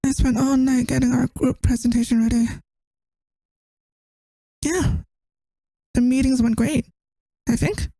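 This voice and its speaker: A woman's voice: high voice, fairly even intonation, a little slow, gravelly, long pauses, dry recording, full character voice. A woman playing a tired, affectionate girlfriend who misses her partner, in a tender, intimate ASMR role-play. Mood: tired, soft. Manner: tender, intimate, soft-spoken.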